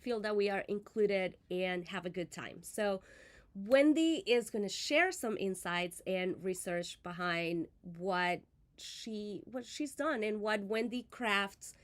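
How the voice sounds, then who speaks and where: A woman's voice: medium pitch, animated, takes it slowly. A woman, hosting a casual live crafting stream in a friendly, chatty way with fillers and restarts. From Venezuela.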